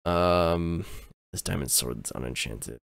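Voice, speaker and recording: An American man livestreaming a game rambles casually to his viewers, often interrupting, restarting, and correcting himself. His low voice is gravelly and slightly bright, animated yet slow-paced. The recording is dry with clean studio sound.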